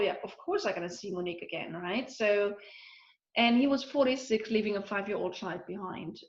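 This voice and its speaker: A woman in her forties from Eastern Germany, a guest telling her life story in a chatty way, full of fillers and restarts. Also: medium pitch. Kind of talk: casual conversational interview. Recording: roomy, dull lo-fi audio.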